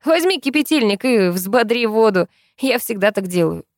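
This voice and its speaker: A loud, bossy village woman hollers and mocks in a high, animated voice, as a woman reading the story puts her on. The sound is dry and close. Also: moderate pace, dry recording. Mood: brash. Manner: bossy, shouting, mocking.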